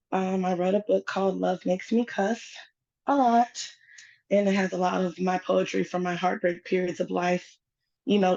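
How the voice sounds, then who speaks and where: A woman performing spoken-word poetry over a video call, with slow, rhythmic lines and a half-sung refrain. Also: medium pitch, darkish tone, lo-fi sound. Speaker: poet performing at open mic.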